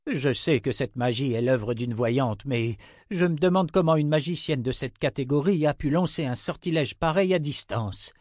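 A man's voice: mid-range voice, moderate pace, a little mellow, dry recording, studio quality, lightly acted. A man reading a fantasy audiobook voices an old male sorcerer who speaks with wry, knowing asides. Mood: puzzled.

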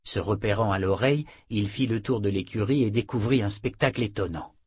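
A man reading a fantasy novel aloud in a steady, measured storytelling voice. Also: fairly low pitch, husky, dry recording, clean studio sound. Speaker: audiobook reader. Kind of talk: scripted narration.

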